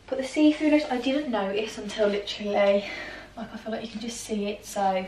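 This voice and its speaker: A woman's voice: medium pitch, fairly even intonation, brisk, warm tone, distant mic, a little hiss or hum. A young British woman in her twenties chatting through a clothing try-on, full of filler words, filmed in a plain room on the camera's mic. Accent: British English. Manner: chatty, filler-heavy with constant "like". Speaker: fashion vlogger. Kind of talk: casual try-on haul. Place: plain grey bedroom, indoors. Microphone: camera mic from across the room. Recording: roomy echo, voice a bit off-mic, faint ambience.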